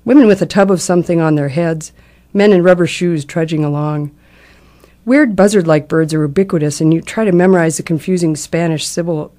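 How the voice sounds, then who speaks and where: Mellow, low-voiced woman narrating for public radio. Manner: measured, reflective public radio storyteller delivery. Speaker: essayist reading a personal travel account.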